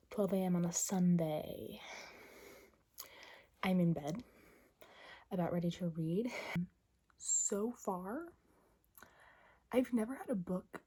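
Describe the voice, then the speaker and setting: A woman's voice: lowish voice, breathy edge. Whispering young woman in bed at night. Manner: hushed whispering, chatty with many fillers. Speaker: book vlogger. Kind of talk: late-night casual vlog.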